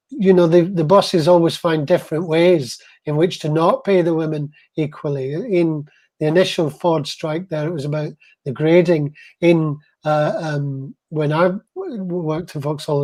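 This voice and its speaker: A woman chairing a panel who speaks haltingly, with many fillers and restarts. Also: deep voice, dark tone, no echo. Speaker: event chair. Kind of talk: panel discussion.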